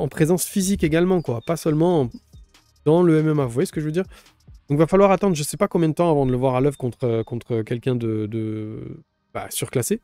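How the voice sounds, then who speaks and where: Male podcast host, dark mellow tone, rambling enthusiastic delivery, dry close sound. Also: medium pitch, dry recording. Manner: rambling, restarts often, enthusiastic about fighters. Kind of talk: casual solo commentary.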